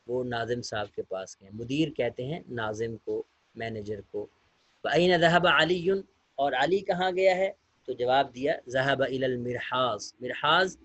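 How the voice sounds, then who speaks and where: A man's voice: medium pitch, breathy edge, no room sound. A male teacher giving a recorded Arabic lesson. He reads short Arabic sentences aloud, then translates and explains each one step by step, patiently addressing his students. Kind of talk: recorded online lecture.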